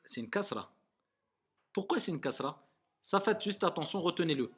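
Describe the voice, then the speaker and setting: A man teaching Arabic reading to a class, patiently repeating words slowly and clearly to correct his students. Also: on the high side, expressive. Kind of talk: classroom lesson.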